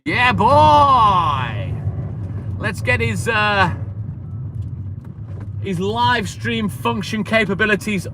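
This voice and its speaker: A man chatting casually to his live-stream viewers, upbeat and full of slang. His voice sits high and sounds bright and forceful. Faint traffic hums behind him outdoors.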